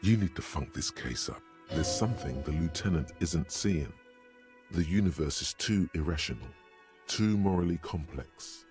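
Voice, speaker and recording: A man voicing a grave, omniscient inner-voice narrator in a video game, speaking in a slow, ominous and wry way. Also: low-pitched, expressive. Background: music.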